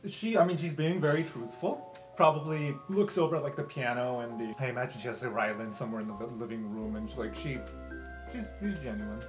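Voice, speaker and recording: A game master narrating a tabletop game, talking in a chatty, rambling way at an even middle pitch. Music plays clearly behind the voice. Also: brisk. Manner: chatty, with many restarts and asides.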